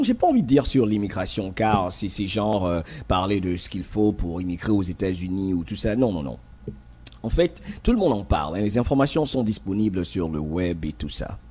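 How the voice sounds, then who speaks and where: A man's voice: fairly low pitch, darkish tone. A man hosting a radio talk show, speaking hesitantly with many fillers and repeated words.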